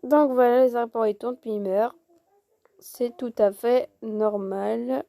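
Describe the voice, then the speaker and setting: High-voiced woman joking through gameplay. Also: fairly even intonation, measured pace, gravelly, mellow. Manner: swears freely, mock-formal narration. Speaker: gameplay video host. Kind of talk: casual gameplay commentary.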